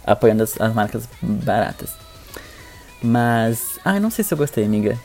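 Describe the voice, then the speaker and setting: A man's voice: mid-range voice, big pitch swings, moderate pace, vocal fry, a little mellow, faint music behind. A man with a Brazilian Portuguese accent co-hosting a podcast, chatting in a gossipy, blunt and campy way. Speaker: podcast co-host. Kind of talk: casual podcast chat.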